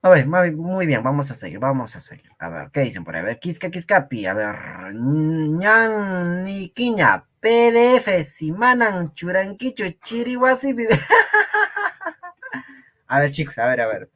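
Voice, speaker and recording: Peruvian-accented male language teacher, slow, animated, jokey, repeats himself. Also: high-pitched. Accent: Peruvian Spanish. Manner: joking, laughs often, repeats phrases to students. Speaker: Quechua teacher. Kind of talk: online language class.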